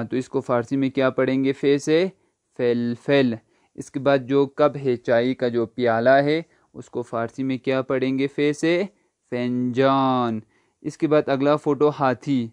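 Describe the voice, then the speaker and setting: A man with a medium-pitched, slightly mellow, smooth voice teaches an online language lesson, recorded without echo. He patiently asks what each word is, answers it himself, and spells it out letter by letter.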